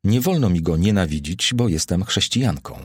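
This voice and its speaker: A man's voice: deep voice, lively intonation, normal speed, breathy edge, no echo, studio quality. A man voicing a desperate, devout young noblewoman in an audiobook, pleading and anguished. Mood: earnest.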